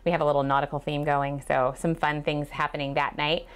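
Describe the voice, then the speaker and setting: Low-voiced woman explaining calmly. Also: clean tone. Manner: measured, explanatory, lightly joking. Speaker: teacher giving a school tour. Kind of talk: conversational explanation. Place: school classroom, indoors.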